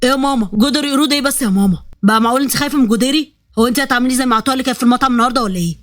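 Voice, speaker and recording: A woman voicing a cocky, stubborn young man in his late twenties, with an Egyptian accent and a bantering, quick-tongued manner. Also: high-pitched, no echo, clean studio sound, lightly acted. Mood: teasing. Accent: Egyptian Arabic.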